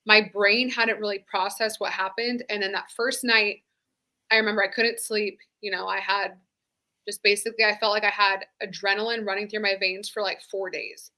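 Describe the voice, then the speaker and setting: In a level, mid-range voice with a sharp tone and moderate pace, a former deputy in her thirties tells her personal story during an interview. The talk is casual, open, and conversational, with many "like" fillers.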